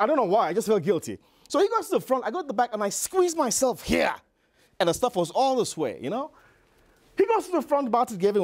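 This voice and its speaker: Middle-aged guy telling a story on stage, voice sits kinda high and bounces all over, lots of "you know". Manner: animated, conversational storyteller with frequent "you know". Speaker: business speaker. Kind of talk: motivational keynote storytelling. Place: live presentation before an audience.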